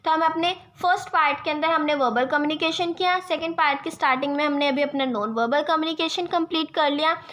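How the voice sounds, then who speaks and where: A young woman teacher with an Indian accent, reading English definitions slowly and explaining them in Hindi, asking herself quiz questions and answering them. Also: sits high, a bit bright. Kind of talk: exam-prep lecture.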